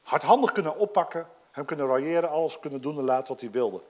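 A preacher delivering a sermon and explaining a scripture passage, moving between loud, emphatic passages and hushed, almost whispered asides. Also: medium pitch, expressive, fast talker. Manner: explains a scripture text to a congregation.

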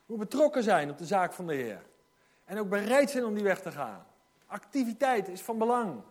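Man, preacher, high voice, urgent, exhorting sermon. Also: big pitch swings, normal speed. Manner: urgent, exhorting, quotes scripture with emphasis; dramatizes hesitant voices in hushed tone.

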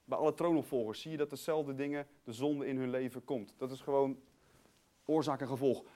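A man preaching a sermon, animated, often laughing, swinging between loud emphasis and soft asides. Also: mid-range voice, a little fast.

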